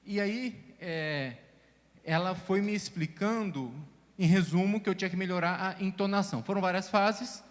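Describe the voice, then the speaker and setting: A man's voice: sits high, moderate pace, in a large hall. A man who stutters at times, telling personal stories in a casual panel discussion at a church event. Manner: stammers at times, many fillers; reflective personal storytelling.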